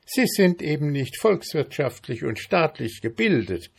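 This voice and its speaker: A man voicing a bossy, officious female ant in a storybook reading, talking briskly and pompously. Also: a little high, very animated, gravelly, breathy edge, voice pushed up, full character voice. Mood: lecturing.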